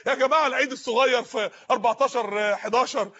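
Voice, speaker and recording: A man with an Egyptian Arabic accent preaching an impassioned sermon, often shouting and pleading with his listeners. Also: extremely high pitch, steady tone, quick pace, dull audio.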